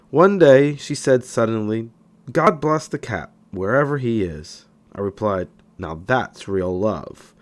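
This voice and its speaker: An audiobook reader delivers scripted narration of a self-help book in a mid-range male voice, with emphatic, deliberate phrasing.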